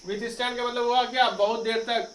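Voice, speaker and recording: Male teacher, high voice, echoey classroom heard from a distance, drilling spelling and pronunciation. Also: flat delivery, moderate pace, fairly bright tone. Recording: echoey room, mic far off, faint noise.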